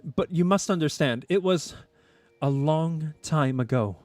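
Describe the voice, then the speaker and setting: A guarded young woman dodges questions with careful politeness and a sing-song lilt, as a man acts her out. The voice sits well above his own usual pitch. The sound is close and dry. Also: measured pace, a little mellow, no echo, natural voice. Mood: poised, evasive. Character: poised, evasive young woman in public.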